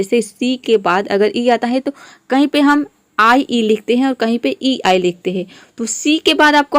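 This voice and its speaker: Female teacher, slightly high voice, dry close sound, methodical step-by-step explaining. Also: dry recording. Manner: patient, spells words letter by letter. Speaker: English teacher. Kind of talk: explaining pronunciation rules step by step.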